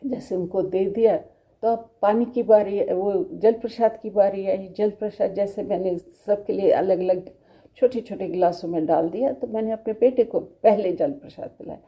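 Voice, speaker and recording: Gravelly, dark-voiced woman sharing testimony. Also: medium pitch, steady tone, moderate pace. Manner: emotional, drops to soft murmured prayers. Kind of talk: personal devotional testimony.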